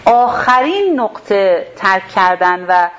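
A woman's voice: medium pitch, very animated, fairly bright tone. A woman leading a religious class, explaining a verse step by step and rephrasing its terms. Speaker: Quran teacher. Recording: dull lo-fi sound with faint hiss.

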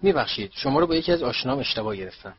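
A man's voice: mid-range voice, lively intonation, husky. A man voicing a curious, kind teenage boy wizard who asks eager, surprised questions, in a lo-fi audiobook recording.

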